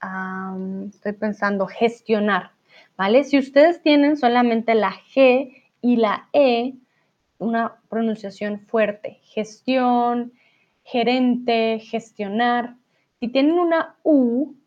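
Slow-spoken woman teaching Spanish. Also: a little high, darkish tone, dull audio. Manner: slow, explaining, spells out words. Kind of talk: live online language lesson.

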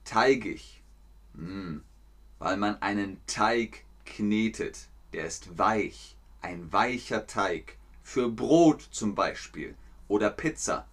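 Slow, lively German teacher man. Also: lowish voice. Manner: slow, clear, repetitive teaching with frequent laughs; chats with viewers. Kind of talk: livestream language lesson.

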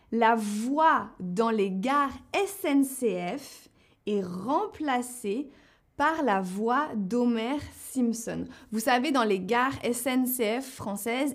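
A woman hosting a live lesson, speaking slowly and clearly and putting questions to her viewers. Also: on the high side. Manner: slow and deliberate, asks the audience questions. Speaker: host of a live French-learning stream.

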